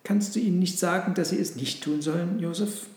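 Gentle young mother from a storybook, read by a man, soft and pleading, in a roomy space. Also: high voice, a little fast, voice pushed up, natural voice. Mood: anxious. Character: gentle young mother Maria, calm then fearful. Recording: roomy echo.

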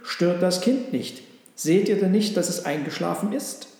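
A man playing a suspicious female cat from a storybook who scolds and warns. The voice sits a little high. It echoes heavily, with a long hall-like reverb. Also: animated, normal speed, vocal fry, a little mellow. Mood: wary. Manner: suspicious, admonishing.

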